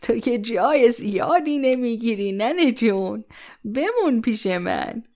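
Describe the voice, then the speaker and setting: Woman doing a sweet old granny for a kids story, gravelly and a bit high, soothing everybody. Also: expressive, darkish tone. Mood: gentle. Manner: soothing, coaxing, calls everyone dear. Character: kind, motherly old village woman. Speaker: voice actor. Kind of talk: children's audio story acting.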